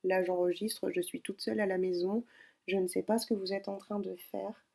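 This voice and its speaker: A woman teacher recording a spelling dictation lesson at home, speaking slowly and spelling words out syllable by syllable. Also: medium pitch, little pitch movement, creaky, warm tone. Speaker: primary school teacher.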